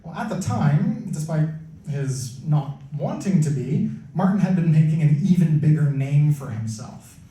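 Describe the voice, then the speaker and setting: A man's voice: on the high side, a little slow. A man from Canada giving a storytelling presentation at church, acting out quotes and often restarting his sentences. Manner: lively storytelling with acted-out quotes and frequent restarts. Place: church hall. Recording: very echoey room from far off.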